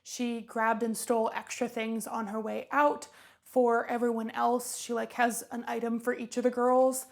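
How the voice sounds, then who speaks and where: Woman vlogger recapping a movie, chatty, creaky voice, pretty flat. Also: a little high, moderate pace. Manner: chatty and offhand.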